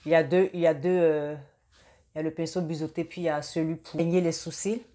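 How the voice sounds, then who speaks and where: Hesitant, low-voiced woman vlogger. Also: fairly even intonation, fast talker, warm tone. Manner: hesitant, many fillers and restarts. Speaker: beauty vlogger. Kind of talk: casual makeup tutorial talk.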